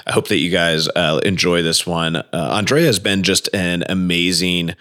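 A man's voice: sits low, steady tone, moderate pace, bright, forceful tone. A man in his late thirties hosting a podcast, talking enthusiastically and loosely, with lots of fillers. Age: 30s. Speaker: podcast host. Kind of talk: casual podcast chat.

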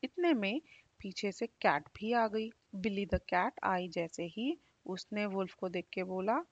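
A woman narrating a children's story at an unhurried, expressive pace. Her voice is medium in pitch. The audio is dry and a little dull. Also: dry recording. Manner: slow, expressive.

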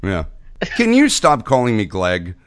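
A male podcast host in casual comedic banter, teasing bluntly and deadpan. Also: lowish voice, a little slow.

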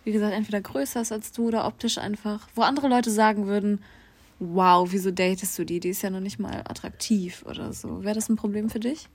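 A young woman co-hosts a podcast in a mid-range, fairly even voice at a fairly quick pace, recorded dry. Her casual chat is outspoken, and she often speaks straight to listeners.

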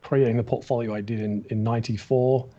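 A middle-aged Australian man, a guest in a casual interview, telling stories in an animated way and acting out the voices of the people in them. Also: medium pitch, fairly quick. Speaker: guest, matte painter. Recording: dull, muffled recording.

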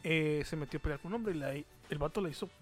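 A man's voice: on the high side, quick pace, soft background music. A man with a Mexican Spanish accent and Chicano-style slang, chatting casually and teasingly as a podcast co-host. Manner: teasing, wordplay-prone banter. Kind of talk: casual, slangy joking chat.

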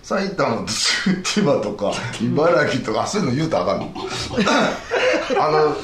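A man's voice: on the high side, big pitch swings, a little slow, a bit bright. An older man from western Hyogo with a Banshu Kansai accent, chatting casually and telling reminiscences. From Banshu, western Hyogo, Japan. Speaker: talk show guest. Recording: roomy echo with clear background noise.

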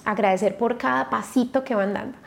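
A woman, a podcast guest and mother, telling her personal story in a halting way with many restarts. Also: on the high side, vocal fry, slight background noise.

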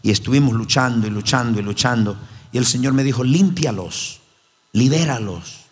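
A man preaching a sermon as pastor, telling stories emphatically with his voice swinging high and low. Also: moderate pace, slightly rough. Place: church hall. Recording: roomy hall reverb with faint ambience.

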